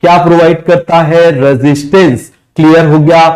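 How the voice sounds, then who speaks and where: A young man teaches biology in a live online class, speaking into a streaming mic. He fires off quick questions and answers them himself. His voice sits a little high, and he draws out English terms slowly. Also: level tone, a little mellow. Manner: mixes English terms into Hindi, drawn out slowly. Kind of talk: live online exam-prep lecture. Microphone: streaming microphone.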